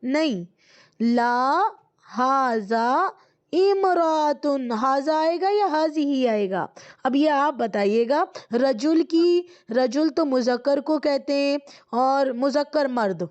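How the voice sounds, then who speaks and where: A woman teaching a lesson. She is patient, asks questions and answers them herself, and says key words slowly twice. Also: high voice. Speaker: Arabic teacher. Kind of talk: recorded classroom lesson. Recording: dull lo-fi recording.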